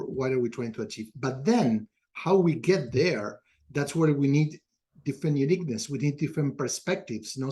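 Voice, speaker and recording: A middle-aged Argentine man with an Argentine Spanish accent speaks in a slightly high, mellow voice. He's a culture consultant appearing as a podcast guest, answering reflectively and conversationally.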